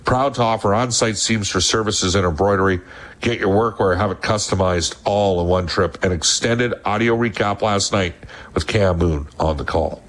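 A man's voice: low voice, fairly bright tone. A man hosting sports talk radio in a conversational, opinionated way. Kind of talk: sports radio commentary with sponsor reads.

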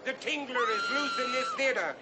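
An actor playing a man in an old film who warns a cinema audience that a monster is loose, speaking with urgent theatrical shouting. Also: very high-pitched, wildly swooping pitch, normal speed, exaggerated voice. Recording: old film clip with screaming crowd and noise.

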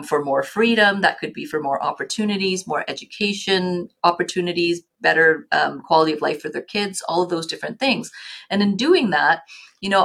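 Low-voiced woman, earnest and halting. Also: fairly bright tone. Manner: earnest, many restarts and fillers. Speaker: guest, nonprofit chief executive. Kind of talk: casual interview talk.

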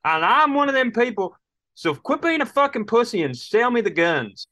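Acting out quotes and ranting in mock exasperation, this Minnesotan co-host of a comedy podcast spins casual stories in an extremely high, sing-song voice. He speaks at a moderate pace, pushed and bright, in a studio-quality recording with no room sound.

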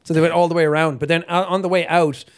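Young man rambling on a podcast, slightly high voice. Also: steady tone, very fast, clear, resonant tone. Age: young adult. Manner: rambling, laughs while explaining. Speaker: podcast co-host. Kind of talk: casual chat.

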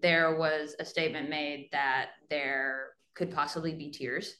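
A woman's voice: deep voice, steady tone, unhurried, fairly bright tone, slight background noise. A woman co-host asking rambling, chatty questions with lots of "like"s. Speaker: podcast co-host. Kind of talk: casual interview chat.

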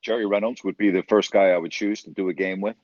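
As an interview guest, a sports broadcaster in his fifties from New York talks fast in a low voice with fairly even intonation and a darkish tone. He's earnest and emphatic, repeating words for emphasis while telling stories conversationally. The recording is dull and dry with no room sound.

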